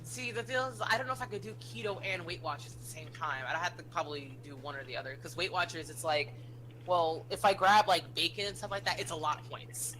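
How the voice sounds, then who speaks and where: A woman's voice: fairly low pitch, fast talker, fairly bright tone. A young woman chatting casually on a podcast, laughing easily with friends. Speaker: podcast co-host. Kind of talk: casual group chat. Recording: noisy live stream audio.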